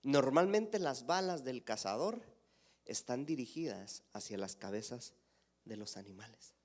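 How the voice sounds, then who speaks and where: A male pastor preaching a sermon, asking the congregation questions and swinging between emphatic raised lines and hushed near-whispers. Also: mid-range voice, animated, a little slow.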